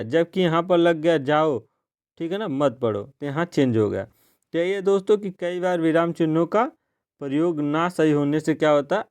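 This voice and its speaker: Higher-voiced man teaching exam grammar. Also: a little mellow. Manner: keeps asking "ठीक है ना" in a rising tone, addresses viewers as friends; slows down and drops pitch to read out example sentences. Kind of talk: exam-prep grammar lesson.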